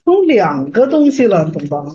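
A woman guiding a group meditation session, answering questions in a brisk, reassuring way and often repeating herself. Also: mid-range voice, big pitch swings, dark tone, dull audio, slight background noise.

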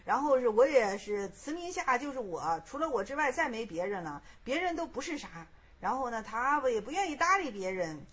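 A woman teaching as a Buddhist teacher, telling a Chan koan story in a lively way with many fillers. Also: on the high side, brisk, husky.

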